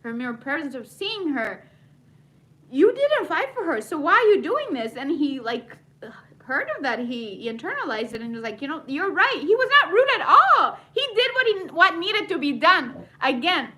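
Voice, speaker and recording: A woman with a high, bright voice chats through a TV recap, rambling and animated. She breaks into laughter often and drifts into asides. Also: normal speed. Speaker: TV recap vlogger. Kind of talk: casual chatty recap.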